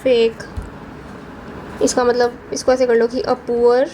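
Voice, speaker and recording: Soft-toned woman teaching vocabulary. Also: on the high side, completely flat delivery, slow, a little hiss or hum, poor audio. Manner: explains patiently, repeats "ठीक है" between points. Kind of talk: exam prep lesson with mnemonic tricks.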